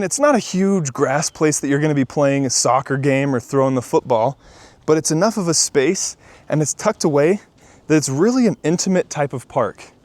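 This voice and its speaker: A man's voice: mid-range voice, a little mellow. A man working as a real estate agent gives a casual walk-through home tour in an upbeat, enthusiastic manner.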